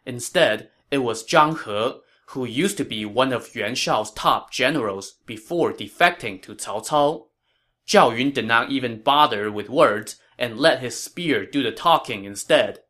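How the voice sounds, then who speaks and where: A man narrating a historical tale in a measured, dramatic storytelling manner. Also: mid-range voice, bright, forceful tone.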